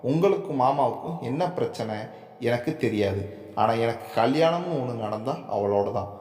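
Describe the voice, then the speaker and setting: A man's voice: medium pitch, lively intonation, moderate pace, a little mellow, lightly acted. A man voicing an earnest young son who firmly stands up to his father. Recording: echoey room with long reverb.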